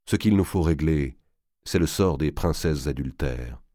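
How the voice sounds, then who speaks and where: A cold, stern old king, voiced by a man who speaks low and clipped. He never raises his voice, and the sound is close and dry. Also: measured pace, dark tone, dry recording. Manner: curt and cold.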